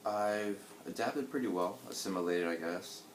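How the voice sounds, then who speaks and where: An American man in his twenties with a very low voice answers casual interview questions at a moderate pace. He's reflective and hesitant, using fillers and restarting sentences. His voice echoes around a roomy space over a steady background noise.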